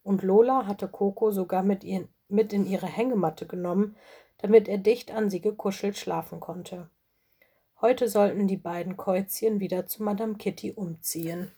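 Woman narrator for a children's audiobook, calm and mellow, with a soft husky edge. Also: medium pitch, normal speed. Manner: calm, even storytelling. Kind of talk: storybook reading for children.

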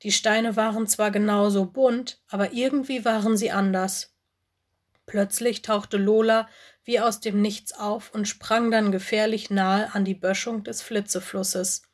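A woman reading a children's story aloud as narrator, in calm, clear scripted storytelling. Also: mid-range voice, a little slow.

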